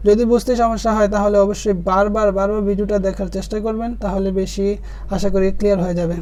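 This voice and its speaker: A man teaching Quran reading, spelling out each letter and vowel mark and then drawing the words out slowly and patiently. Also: high-pitched, flat delivery, darkish tone. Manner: patient, addresses the viewer directly. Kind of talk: step-by-step spelling lesson.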